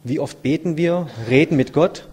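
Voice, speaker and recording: Husky-voiced man giving a sermon. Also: on the high side, normal speed, a little mellow. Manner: earnest, reflective, asks many rhetorical questions. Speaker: lay preacher. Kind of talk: sermon with a read-aloud story.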